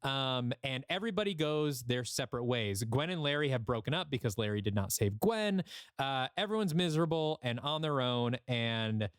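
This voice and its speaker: A man's voice: mid-range voice, animated, normal speed, smooth, no room sound, clean studio sound. A man hosting a podcast, giving a casual recap of a story. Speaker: podcast host.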